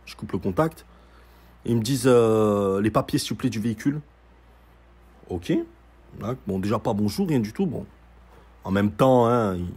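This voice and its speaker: A young man telling a story in a casual, sarcastic rant, mocking and animated as he recounts events. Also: fairly low pitch, husky.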